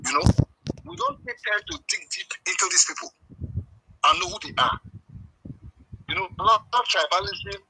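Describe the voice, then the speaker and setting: A man's voice: high voice, wildly swooping pitch, normal speed, vocal fry, pauses often, heavy background noise. A man calling in to a talk show, earnestly making his point and often saying "you know". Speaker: caller. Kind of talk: phone-in commentary.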